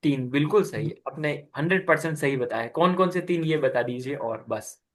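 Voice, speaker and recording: Guy teaching a class, voice a bit on the high side, patient, goes step by step and keeps asking questions. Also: normal speed. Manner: patient, asks students questions and praises answers; explains step by step, repeating key terms. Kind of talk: online class explaining scripture recitation.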